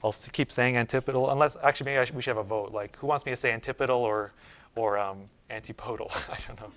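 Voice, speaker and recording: A man's voice: mid-range voice, steady tone, fast, a bit bright. Man giving a casual university math lecture. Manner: informal, thinking aloud with many fillers and restarts. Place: lecture room.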